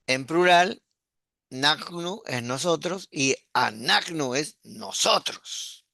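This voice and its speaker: A man, a pastor teaching an online class, explaining patiently and repeating words slowly. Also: on the high side, animated, vocal fry, pushed and bright, no echo, clean studio sound.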